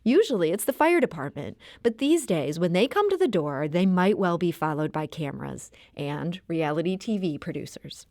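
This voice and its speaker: A woman's voice: fairly low pitch, very animated, moderate pace, few pauses, darkish tone, no echo, clean studio sound. A woman hosting a radio talk show, reading introductions and putting questions to guests. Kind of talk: scripted introductions and interview questions.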